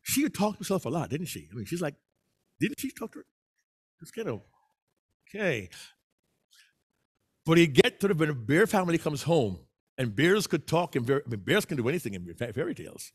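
Man, workshop presenter, very expressive pitch, teaching delivery. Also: a little fast, long pauses, breathy edge. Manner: animated, acts out voices. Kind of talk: public speaking workshop talk.

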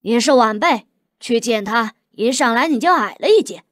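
A furious, blustering emperor, voiced by a woman reading a novel aloud, barks orders and scolds his grown sons. The voice sits high and the recording is dry and close. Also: lively intonation, moderate pace, dry recording, natural voice. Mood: stern. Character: angry middle-aged male emperor, hot-tempered father. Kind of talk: audiobook character voice.

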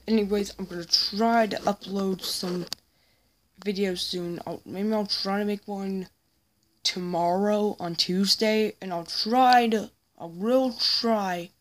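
A woman giving a casual, apologetic vlog update, rambling and halting with many restarts. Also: medium pitch. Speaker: YouTuber.

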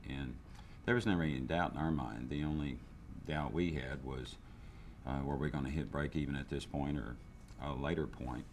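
An older man who owns a business speaks candidly in a seated interview indoors, often restarting and using fillers. His bass voice has fairly even intonation and a normal pace, with a little background noise. It's an interview testimonial recorded on a lapel mic.

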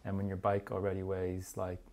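Over a loud crowd, a thirty-something man reviewing bikes for a mountain bike magazine talks informally from a small indoor studio workshop, peppering his casual product discussion with "like" and "kinda." His low voice is completely flat and fairly quick.

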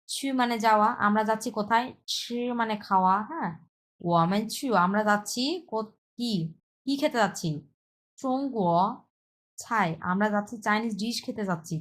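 A woman, a Bengali speaker, teaches an online Chinese lesson, explaining step by step and often checking with a quick "yes". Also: medium pitch, a bit bright. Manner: explains step by step, repeats herself, checks with "হ্যাঁ".

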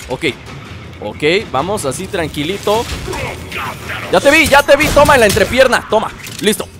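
A high-pitched young man, narrating his game and taunting enemies with playful shouts. Loud game music runs under his voice. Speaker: gameplay commentator. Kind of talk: casual gameplay commentary.

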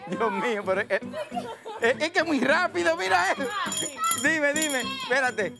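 A man's voice: extremely high pitch, animated, normal speed, creaky, over loud music. A man with a Dominican accent hosting a live children's quiz show, playful, laughing often and singing little drum-roll countdowns.

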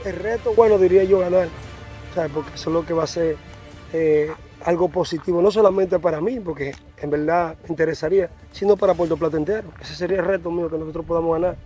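A man's voice: a little high, fast talker, dark tone, faint music behind. A middle-aged man with a Dominican accent, answering interview questions earnestly outdoors at a ballfield on a lapel mic. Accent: Dominican Spanish. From Dominican Republic. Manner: earnest, repeats himself. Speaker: team general manager. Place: outdoors at a baseball field.

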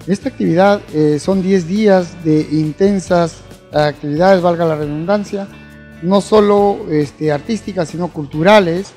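A middle-aged man with a Peruvian Spanish accent, interviewed in a formal hall with a handheld mic, promoting an event with many pauses and fillers. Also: high-pitched, a little mellow, faint music behind. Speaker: event organizer. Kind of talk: on-camera interview. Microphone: handheld station mic.

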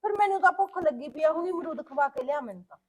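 A strange, blunt young wife with a childlike way of talking, her voice very high. She speaks with a Punjabi accent and plainly insists on getting her way, as an actress plays her. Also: lively intonation, quick pace. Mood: childish. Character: odd sister-in-law who tries to choke her husband's sister.

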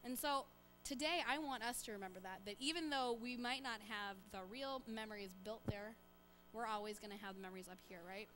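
A bright, forward woman with a slightly high voice gives a children's sermon in a church. She keeps the children involved with quick questions and playful prompts. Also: slight background noise. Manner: lively, coaxing children with questions. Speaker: church children's message leader. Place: church sanctuary.

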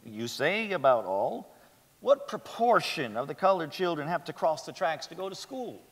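On a large indoor theater stage, with hall reverb, a man plays a skeptical lawyer cross-examining witnesses in a staged dramatic reading of an 1890s trial. His voice is fairly high and fairly bright, with lively intonation and a moderate pace, as he presses the witnesses hard.

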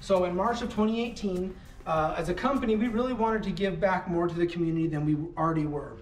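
A man in his thirties giving a relaxed walking tour of his company's warehouse and offices, with frequent fillers. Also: sits high, fast talker, recorded from a distance. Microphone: camera following him, mic at a distance. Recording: echoey rooms, voice a bit off-mic, soft music underneath.

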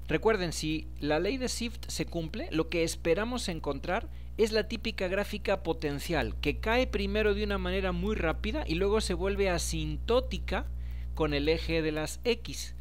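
A man's voice: high voice, expressive, normal speed, a little hiss or hum. A man, explaining a data analysis tutorial step by step and speaking directly to his viewers. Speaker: instructor. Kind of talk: screen-recorded tutorial.

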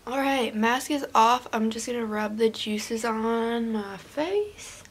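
A woman's voice: a little high, slow pace, breathy edge. A young woman vlogging casually to camera indoors, talking in an informal, slangy, sweary way. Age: young adult. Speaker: video creator, channel host. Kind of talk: casual vlog chat to camera.

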